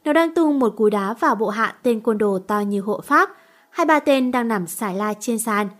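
A woman reading a romance novel aloud in steady storytelling. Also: fairly high pitch, normal speed. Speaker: narrator.

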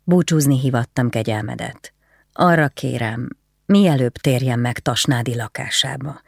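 Grieving nobleman, narrator's voice, grave, hushed, steady mid pitch, dry close recording. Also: vocal fry, no echo. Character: grieving stern nobleman, duty-bound, weary.

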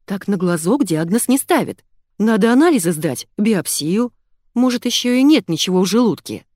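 A woman voicing an excitable young woman who shrieks and talks fast and insistently. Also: mid-range voice, dry recording, studio quality, voice pushed up, natural voice. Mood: alarmed.

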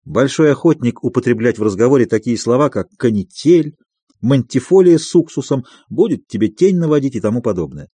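A man narrating a classic novel as an audiobook reader, expressive and measured. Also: mid-range voice, slightly rough, no room sound. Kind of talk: scripted literary narration.

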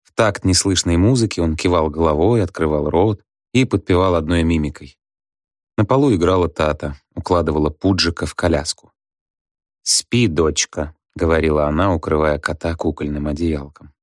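A man reading a novel aloud as an audiobook narrator, in an even, measured manner. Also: no echo. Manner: dry, even, low reading.

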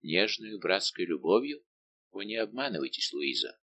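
A man's voice: deep voice, very animated, normal speed, gravelly, fairly bright tone, no room sound, heavily acted. Raoul, a man reading a heartbroken nobleman. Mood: impassioned. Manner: impassioned, grave. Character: young nobleman, heartbroken, bitter, proud. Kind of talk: audiobook dialogue reading.

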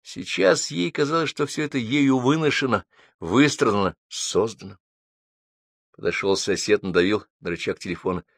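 A man narrating an audiobook in a measured, expressive way. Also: mid-range voice, gravelly, dry recording, studio quality. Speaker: audiobook reader. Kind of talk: scripted narration.

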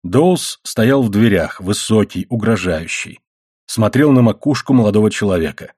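Man reading a novel aloud, husky voice, lively pitch, dry close sound. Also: normal speed, no echo. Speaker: audiobook narrator. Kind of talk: scripted audiobook narration.

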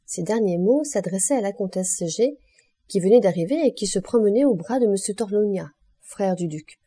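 A woman reading a classic novel aloud as an audiobook narrator, in a measured, even way. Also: medium pitch, husky. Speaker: audiobook reader.

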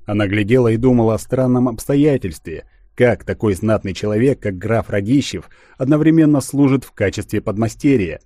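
A man reading a literary audiobook in a measured, even way. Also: lowish voice, no room sound, studio quality. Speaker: audiobook narrator.

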